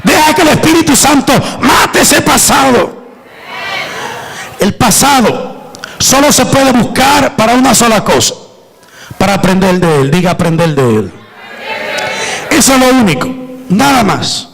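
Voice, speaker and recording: A man's voice: very high voice, animated, measured pace, creaky, long pauses, a bit bright, some chatter behind, poor audio. A male pastor preaching an impassioned sermon to a church congregation, with emphatic calls for the listeners to respond.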